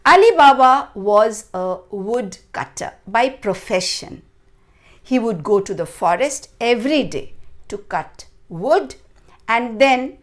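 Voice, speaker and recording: Her voice a little high, a woman tells a children's story in a deliberate, expressive manner. Dramatic phrasing and stressed words run throughout.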